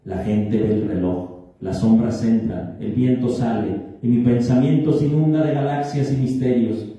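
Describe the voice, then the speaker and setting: Dark-voiced man reciting poetry. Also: medium pitch, steady tone, moderate pace. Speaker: poet reading his own poem. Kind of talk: poetry reading. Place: reading event in a hall. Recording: echoey hall from far off.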